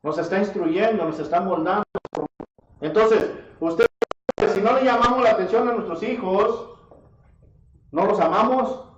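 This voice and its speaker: A man's voice: high voice, a little slow, long pauses. A man preaching a sermon, often asking his listeners rhetorical questions and calling them brother. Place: church hall. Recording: echoey church audio from far off, dull and slightly noisy.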